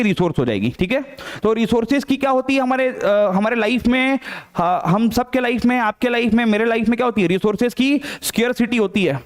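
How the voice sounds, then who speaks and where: Fast-talking high-voiced male economics teacher. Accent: Chhattisgarh Hindi. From India. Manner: asks rhetorical questions and answers them himself; repeats key terms with "clear hai?" check-ins. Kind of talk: live online class lecture.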